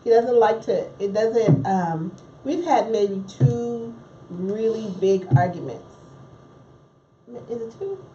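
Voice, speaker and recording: A woman's voice: medium pitch, slow pace, mellow, a little hiss or hum. Chatty woman on a distant, echoey recording. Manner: chatty, reflective, laughs easily. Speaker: guest, married woman. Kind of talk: casual chat. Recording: distant, roomy, dull with faint ambience.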